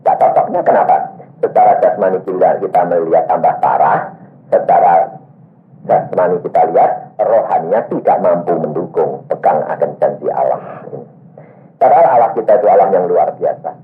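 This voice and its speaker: A man preaching a sermon, telling a healing story with lively acted-out dialogue and sudden high exclamations. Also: brisk. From Indonesia. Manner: animated storytelling, acting out dialogue, pitch jumping to high exclaims. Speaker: evangelist preacher. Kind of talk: sermon with testimony. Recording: tinny phone-like recording with faint music.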